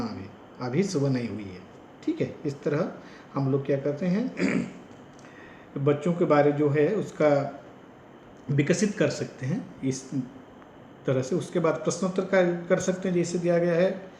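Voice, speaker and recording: A man who trains teachers gives a slow lecture in Hindi with an Odia-influenced accent and repeats example sentences with stress. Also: fairly high pitch, darkish tone, reverberant, slight background noise. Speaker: teacher educator.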